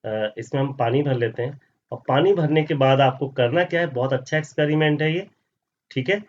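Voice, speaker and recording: A man's voice: medium pitch, normal speed. A male science teacher explaining a lesson, often asking questions and answering them himself and calling students "beta". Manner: mixes Hindi with English terms. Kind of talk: classroom lesson explaining over slides. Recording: slightly dull audio.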